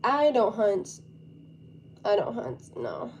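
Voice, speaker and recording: A woman's voice: mid-range voice, slow pace, low-quality recording. A young woman live streamer chatting casually and informally with her viewers, with a giggly, chatty manner. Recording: steady background noise.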